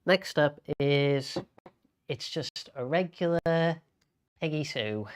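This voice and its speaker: Slow, hesitant bingo host. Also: medium pitch, animated. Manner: hesitant, halting delivery with pauses. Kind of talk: unscripted casual live game calling.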